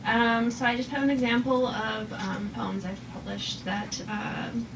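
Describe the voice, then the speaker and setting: A woman poet giving an informal reading and talk about haiku, slow and deliberate when she recites verse. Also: fairly high pitch, flat delivery, distant mic. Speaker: haiku poet presenting her work. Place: live reading before a small audience. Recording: noisy room with clear background noise.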